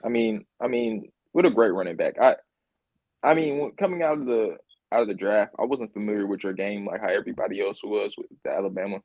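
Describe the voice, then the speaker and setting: A man's voice: on the low side, animated, brisk, gravelly, no echo, phone-quality sound. A man co-hosting a podcast, chatting casually about football, repeating himself and laughing easily. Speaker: podcast co-host. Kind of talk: casual sports chat.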